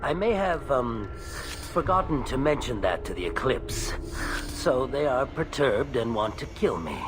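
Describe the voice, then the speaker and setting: A man's voice: medium pitch, very animated, measured pace. A man voicing a shifty, nervous alien merchant in a video game, with a slippery, theatrical and ingratiating manner. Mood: sly, wheedling.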